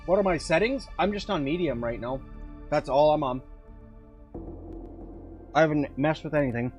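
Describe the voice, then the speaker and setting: A man's voice: on the high side, moderate pace, faint music behind. A man streaming a game live, talking casually as he plays and answering chat. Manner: chatty, answers chat while playing. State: eating while talking at times.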